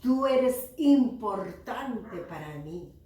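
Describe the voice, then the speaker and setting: A woman voicing a loving, calm God in a children's story, speaking in a slow, tender and emphatic way. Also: a little high, pitched above the performer's own voice. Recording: echoey room, voice from far off.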